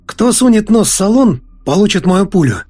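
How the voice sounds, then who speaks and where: A curt, cool armed hijacker issues dry orders, as a man reads him. His voice is slightly husky and lively in pitch. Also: moderate pace, faint music behind. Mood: commanding.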